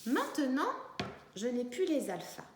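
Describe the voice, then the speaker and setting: A woman teacher leads a lesson for young children, talking slowly and sounding out each syllable with care. Her fairly high voice rises and falls a lot. She is recorded in a room with a clear echo. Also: very animated, background noise. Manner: slow, clear teacher talk, stretching out syllables. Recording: echoey room.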